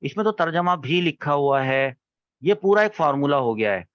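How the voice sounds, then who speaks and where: A man's voice: a little high, very animated, a bit bright, no room sound. A man teaching an online grammar class over a video call, patiently quizzing students step by step. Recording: dull, dry online call audio.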